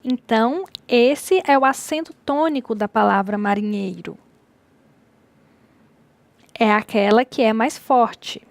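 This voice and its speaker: A woman teacher giving a recorded distance-learning lecture, explaining slowly and repeating key words. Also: fairly high pitch, vocal fry, no room sound.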